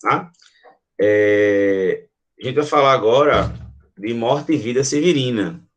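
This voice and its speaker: A man's voice: mid-range voice, takes it slowly. A Brazilian man gives a literature lesson in a mid-range voice. He explains step by step, with many fillers and frequent check-ins with his students. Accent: Brazilian Portuguese. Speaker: teacher.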